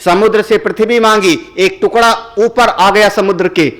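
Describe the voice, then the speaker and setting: A man, a spiritual teacher, giving a religious discourse with animated storytelling. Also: sits high, normal speed. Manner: animated storytelling, rising loud for dramatic moments.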